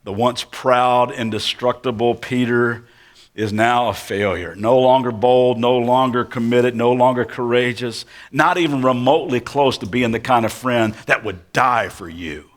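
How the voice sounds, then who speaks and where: Male pastor, dramatic storyteller, hushed drops for effect. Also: medium pitch, measured pace. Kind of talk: sermon.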